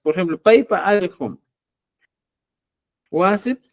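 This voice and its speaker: A man teaching a live language class. He explains patiently, says example words slowly and checks often that the students follow. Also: high-pitched, expressive.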